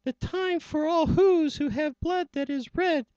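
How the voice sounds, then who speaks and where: A tiny mayor cries out urgent orders in a high, squeaky voice, as a man puts him on. It sounds like a storybook character. The recording is dry, dull and lo-fi. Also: unhurried, a little mellow, no echo. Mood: rallying. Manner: urgent, rallying. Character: frantic small town mayor.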